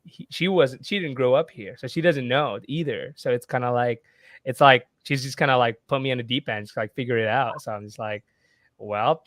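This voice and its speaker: Speaking English as a second language, a twenty-something Indonesian man who owns a marketing agency chats casually as a podcast guest. He has a mid-range, fairly bright voice and a moderate pace, often restarting and using fillers, and the recording is dry.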